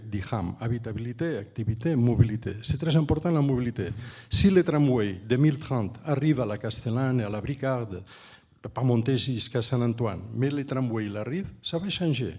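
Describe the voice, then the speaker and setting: A man from Spain with a Spanish accent, a non-native speaker giving an unscripted conference talk as an urban planner, halting and emphatic, often repeating words. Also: medium pitch, lively intonation, warm tone, breathy edge. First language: Spanish or Catalan.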